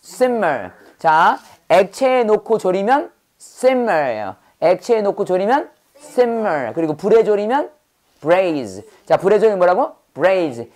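A woman runs a brisk call-and-response drill on English vocabulary, firing off quick questions and repeating each word again and again. Her voice is medium-pitched, very animated, and a little mellow.

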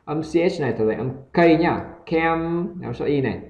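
A man with a Vietnamese accent teaching English pronunciation. He reads a story aloud line by line and breaks in with quick explanations of the sounds in Vietnamese. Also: medium pitch, animated, gravelly, dark tone, echoey room, lo-fi sound.

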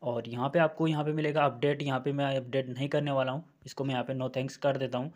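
A man's voice: medium pitch, steady tone, quick pace, a little mellow. A man walking viewers through phone settings, step by step and repeating himself often. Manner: repetitive, addresses viewers as friends, step by step. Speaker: tech tutorial host. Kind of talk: screen-recorded phone tutorial.

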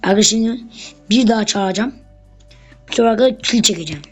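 A gameplay YouTuber giving casual commentary, chatting nonstop to the viewers as friends and breaking into excited bursts during fights. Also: mid-range voice, very fast, slightly rough, faint music behind, poor audio.

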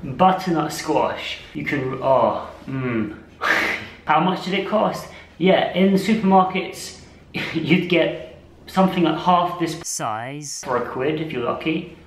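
A man's voice: on the high side, expressive, takes it slowly, reverberant, slight background noise, low-quality recording. A man in casual vlog chat, enthusiastic and chatty, laughing often as he shows his shopping. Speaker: vlogger.

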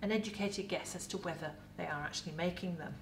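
A woman's voice: on the low side, quick pace, noisy background. English woman presenting in a roomy space. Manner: lively, chatty presenter with props. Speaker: museum educator in Viking costume. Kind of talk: educational talk to camera. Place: indoor museum set with replica kitchen. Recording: roomy echo, voice from a distance.

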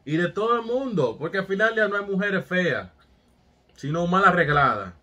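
A man's voice: sits high, very animated, normal speed, pushed and bright. A man giving hyped, casual commentary as a music reaction host, talking straight to his viewers with street catchphrases.

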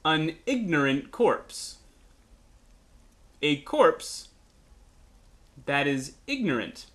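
A man's voice: on the high side, big pitch swings, very slow, a bit bright. A man playing a video game, making sarcastic jokes to himself and swearing as he plays. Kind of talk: casual let's-play commentary.

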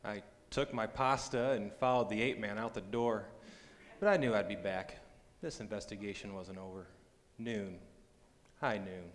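A man playing a wry, wary private detective on stage, narrating in a deadpan hardboiled style. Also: fairly low pitch, normal speed, close to an everyday voice. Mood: determined narration. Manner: deadpan, dry. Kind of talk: noir stage narration and dialogue. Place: hall stage before an audience. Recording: echoey hall stage recording, clearly noisy.

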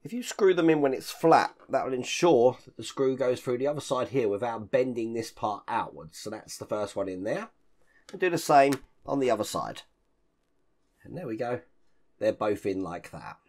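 In his fifties and still croaky from an illness, a model-building channel host talks at a normal speed in a deep, rough, husky voice with the occasional cough. His delivery swings up and down with animation. The casual build walkthrough takes place in his collectible-filled hobby room at home, and he explains each step while working the parts.

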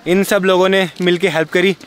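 A young man talks to his viewers in a casual travel vlog, rattling along at a fast clip. His voice sits a touch high for a man, and he sounds chatty and excitable throughout. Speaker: travel vlogger.

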